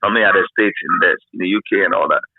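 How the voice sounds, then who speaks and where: A Ghanaian-accented man in his fifties, once a radio pioneer, reminisces as a guest in a casual interview, often repeating phrases for emphasis. His voice is low and rapid-fire with vocal fry, and there is background noise on the narrow, phone-like line.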